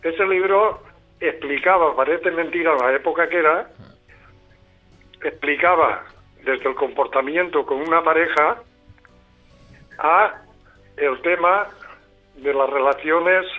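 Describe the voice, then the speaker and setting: Older guy on a tinny phone line, slightly high voice, faint music behind, slow choppy phrasing. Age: 70s. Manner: unhurried, speaks in short broken phrases. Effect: over the phone. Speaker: caller. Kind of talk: call-in radio comment.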